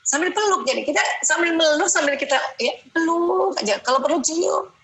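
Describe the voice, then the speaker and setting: A woman's voice: very high-pitched, lively intonation, fairly quick, fairly bright tone, rough recording. A middle-aged Indonesian woman giving a chatty religious parenting lecture, acting out mothers' lines and checking in with "ya". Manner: chatty, acts out mothers' voices, frequent "ya" checks.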